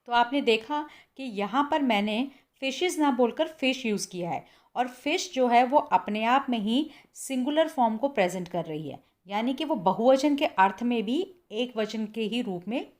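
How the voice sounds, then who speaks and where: A woman from India leads a scripted English lesson, speaking in a slightly high voice. She talks at an unhurried, careful pace and spells out each example sentence slowly, often saying it twice so it sinks in. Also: animated. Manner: slow, deliberate, repeats example sentences word by word. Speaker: English teacher.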